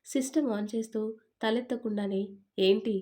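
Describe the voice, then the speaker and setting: A woman reading a story aloud in a steady, expressive narration. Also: medium pitch, brisk.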